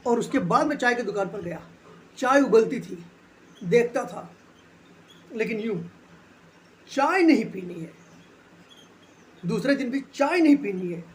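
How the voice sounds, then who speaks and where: A man's voice: very high-pitched, expressive, measured pace, pauses often, slight background noise. A man hosting a personal finance video, telling a personal story in a chatty, motivational way and mixing English phrases into his talk. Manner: addresses viewers as friends.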